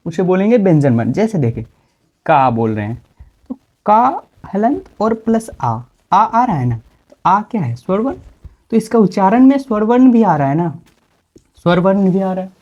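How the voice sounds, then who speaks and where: A woman's voice: fairly low pitch, mellow, lo-fi sound. A woman teaching a grammar lesson, explaining step by step and asking questions she then answers herself.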